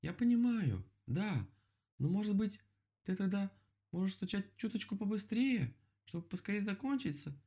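A man voicing a gentle, patient female bear in a children's story, calm and careful. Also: high-pitched, moderate pace, voice pushed up, full character voice. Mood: calling. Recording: dull lo-fi recording.

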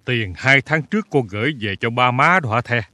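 A man playing a mild, worried older country father who speaks gently and courteously. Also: medium pitch, expressive, normal speed, no room sound. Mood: puzzled. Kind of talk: audiobook story reading.

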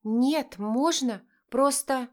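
A flustered young woman, an anxious and caring older sister, as a woman reader puts her on in an audiobook. She talks high and emphatic, in sharp exclamations and worried protests. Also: very slow. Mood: agitated.

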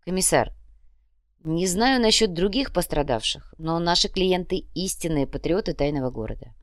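A woman voicing a friendly male mercenary who makes his case calmly and persuasively. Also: on the low side, normal speed, no echo, studio quality, natural voice.

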